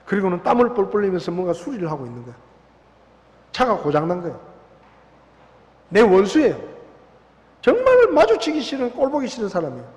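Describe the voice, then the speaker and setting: A Korean pastor with a Gyeongsang accent preaches in a lively, storytelling way. His voice sits high for a man. A long reverb from the church hall trails each phrase. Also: a little fast, pauses often. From Gyeongsang province, South Korea. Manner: animated storytelling, acting out voices. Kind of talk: sermon. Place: church sanctuary.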